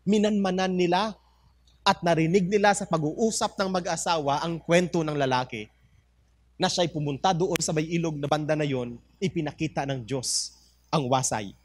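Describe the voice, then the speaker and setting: A man with a Filipino accent, preaching a sermon as a pastor and telling an illustrative story in an animated way. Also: on the high side, moderate pace. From Philippines. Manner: animated storytelling mixed with English.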